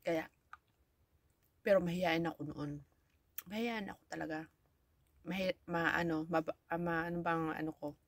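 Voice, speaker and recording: Low-voiced Filipino woman with lollipop in mouth. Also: fairly even intonation, normal speed, long pauses, no echo. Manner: chatty, laughing, self-deprecating. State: talking around a lollipop. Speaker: vlogger. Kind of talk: casual storytelling to viewers.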